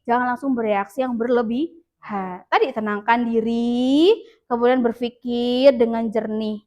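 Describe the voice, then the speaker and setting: Female school counselor, fairly high voice, Indonesian accent, patient and encouraging with a class. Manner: patient, leads students through slow breathing, acts out child dialogue. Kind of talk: classroom guidance lesson.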